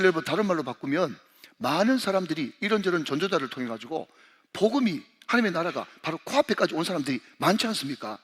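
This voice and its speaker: His voice is a little high, a bit bright and slightly rough. This senior pastor addresses the congregation directly during his sermon, urging them to read along, and the church sanctuary lends the recording a long hall reverb.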